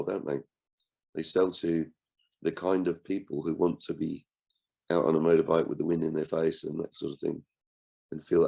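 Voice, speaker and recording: A man with a cold and a croaky voice, hosting an online book discussion in a relaxed way and asking his group questions. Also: very deep voice. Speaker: book club host and coach.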